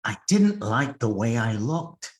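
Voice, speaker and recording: A man from Haiti, a coach invited as a guest, telling a childhood story in a slow, reflective way with restarts. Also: medium pitch, big pitch swings, reverberant. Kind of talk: conversational storytelling.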